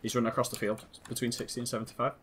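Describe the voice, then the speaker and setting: A man's voice: medium pitch, racing. A man calling out enemy positions to his squad while gaming. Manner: lively, reporting positions. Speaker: gamer. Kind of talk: casual squad callouts. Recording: noisy game audio. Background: gunfire.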